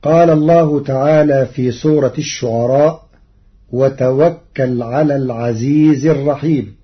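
Husky-voiced man, slow and careful, formal lesson, kinda dull lo-fi sound. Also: mid-range voice. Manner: measured, deliberate, slows to intone quoted verses. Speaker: presenter explaining Quranic reading variants.

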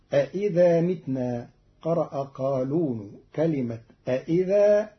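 Man explaining recitation variants, lo-fi. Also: fairly high pitch. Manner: measured, explains then slowly recites verses in melodic tones. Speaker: Quran recitation teacher. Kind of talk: scripted explanatory narration. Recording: dull lo-fi recording.

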